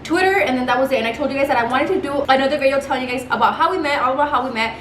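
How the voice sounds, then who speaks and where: A woman's voice: high-pitched, very fast, fairly bright tone, echoey room, slight background noise. A young woman from El Paso chatting casually on her vlog over a meal, slipping Spanish words into her English. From El Paso, Texas. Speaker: beauty vlogger. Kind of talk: casual chat during a mukbang. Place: home room set up as a small studio.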